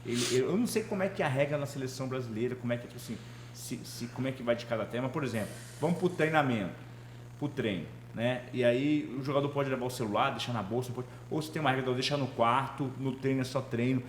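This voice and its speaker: A man's voice: mid-range voice, fast. A man with a Brazilian Portuguese accent co-hosting a podcast, chatting about football in a conversational way and often asking questions. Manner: conversational, asks questions, many fillers. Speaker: podcast co-host. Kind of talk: casual sports chat. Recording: echoey room with faint background noise.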